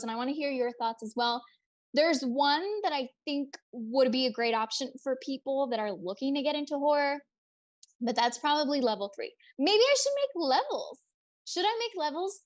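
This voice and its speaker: A young woman hosting a casual livestream, chatting brightly and reading out viewer comments and questions. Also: high-pitched. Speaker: livestream host.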